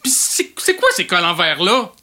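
A woman's voice: lowish voice, sing-song, moderate pace, bright, forceful tone. A woman voicing an exasperated male amateur theatre director with a Quebec French accent, who keeps correcting his actors.

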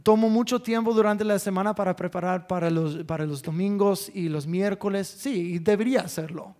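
Brief: male pastor, high voice, candid self-deprecating sermon storyteller. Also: brisk, a little mellow. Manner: candid, self-mocking storytelling with quoted prayers.

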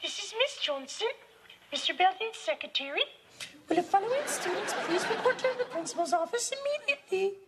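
A woman's voice: extremely high pitch, expressive, brisk. A woman playing a new school secretary making a formal announcement over the school intercom. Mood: prim, official. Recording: noisy clip from a TV show.

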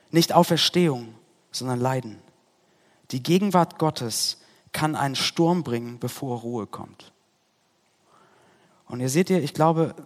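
A man preaching a sermon in an earnest way, his voice rising on quoted prayers and dropping low at the ends of thoughts. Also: in a large hall.

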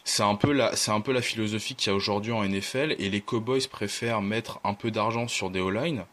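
Low-voiced man in casual debate. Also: fairly quick, a bit bright. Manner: thoughtful, hesitant with many fillers. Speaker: podcast guest, team fan. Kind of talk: casual podcast discussion.

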